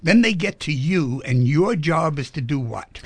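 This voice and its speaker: A man's voice: fairly high pitch, animated, unhurried, breathy edge, no echo. A man hosting a radio talk show, chatty and rambling, asking guests lots of questions. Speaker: radio host. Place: radio studio.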